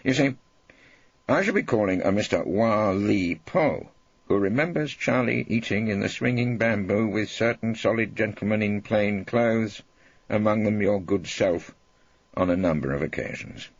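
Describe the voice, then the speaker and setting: In a lo-fi recording with no echo, a man uses a lowish, husky voice at a moderate pace, pitched above his own natural voice. He's acting a combative, irreverent old English barrister in an audiobook, theatrical and relentless, cross-examining sardonically.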